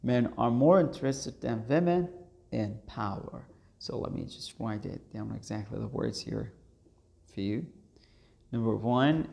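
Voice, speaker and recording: A man whose first language is Persian, teaching an online English class in a slow, halting way with many fillers. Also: on the low side, creaky, darkish tone.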